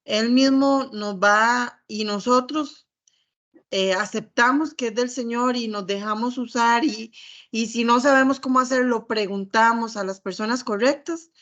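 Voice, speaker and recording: A woman teaching a church ministry class, explaining in a measured, reflective way with some hesitant restarts. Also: fairly high pitch, a bit bright, highs cut off.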